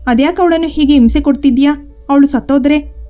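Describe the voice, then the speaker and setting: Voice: high-pitched, fairly quick, dark tone, natural voice. A woman storyteller voicing a stern, protective middle-aged husband and uncle in a spoken storybook. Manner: stern and defensive.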